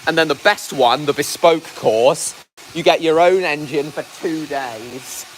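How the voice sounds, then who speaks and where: Guy chatting on a livestream, kinda high voice, talking up over a chugging engine, repeats bits. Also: measured pace, poor audio. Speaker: livestreamer, train enthusiast. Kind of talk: casual live stream commentary. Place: outdoors at a heritage railway engine. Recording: loud engine noise behind voice. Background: steam engine noise.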